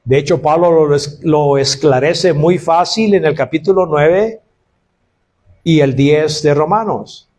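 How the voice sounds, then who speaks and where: Guy preaching slow, higher voice, calls everyone brothers, wails out the quoted woes. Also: darkish tone. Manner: preaching, addresses listeners as brothers; acts out quoted cries of woe. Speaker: pastor. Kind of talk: sermon.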